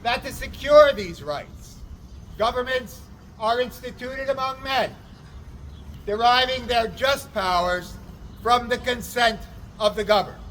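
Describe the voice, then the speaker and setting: A man playing a town crier, delivering a formal proclamation in deliberate, declamatory short phrases, outdoors. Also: very high-pitched, fairly bright tone, exaggerated voice, poor audio. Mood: solemn, proclaiming. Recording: outdoor recording with faint traffic noise.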